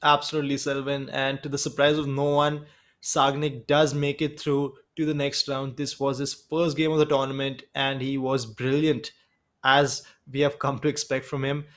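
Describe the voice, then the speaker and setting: Flat-toned Indian esports color commentator. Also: male voice, medium pitch. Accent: Indian English. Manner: measured analytical color commentary.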